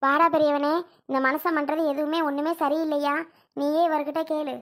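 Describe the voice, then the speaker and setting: A woman's voice: high voice, level tone, moderate pace, natural voice. A woman playing a middle-aged mother who complains about her husband to her grown son in a family comedy skit. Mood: exasperated. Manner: complaining and exasperated.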